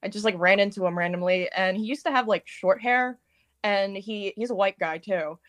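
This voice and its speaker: A woman's voice: mid-range voice, moderate pace, no echo. A woman in her twenties, a podcast guest, rambling with many fillers and giggles. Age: 20s. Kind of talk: casual chat.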